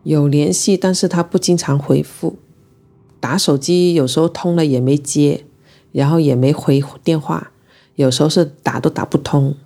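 A woman's voice: sits low, fairly even intonation, creaky, mellow. A woman from Guangzhou, reflectively telling her own love story. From Guangzhou, China. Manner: reflective, unhurried and emotional in recounting. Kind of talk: personal storytelling.

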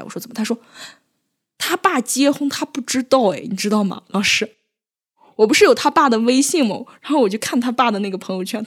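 A woman in her twenties who teaches at a village school recounts moments with her pupils. Her pitch rises and falls widely, and she is openly emotional. She often stops and restarts when words fail her. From Northwest China. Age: 20s. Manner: emotional, animated, halting restarts when upset. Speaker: rural primary school teacher. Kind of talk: personal storytelling interview.

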